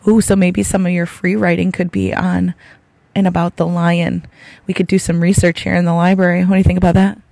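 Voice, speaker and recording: Raspy, hoarse woman hosting a children's podcast. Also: lowish voice, little pitch movement, fairly quick, darkish tone. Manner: encouraging, simple questions, echoing answers. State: hoarse from laryngitis. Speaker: podcast host, school teacher or librarian. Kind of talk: friendly podcast interview with children.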